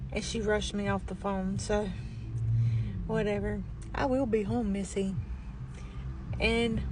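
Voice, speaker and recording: A middle-aged woman chatting casually in a plain-spoken, folksy way, with a weak, barely audible voice that cannot get loud. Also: heavy background noise. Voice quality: weak, low-volume voice, barely projecting. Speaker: vlogger. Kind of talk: casual chat.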